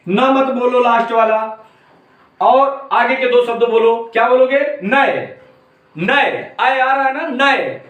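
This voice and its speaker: Here a man runs an exam-prep grammar class, repeating every point again and again and addressing students affectionately as "beta." His voice is very high-pitched and a bit bright, captured by a distant mic in an echoey, roomy space.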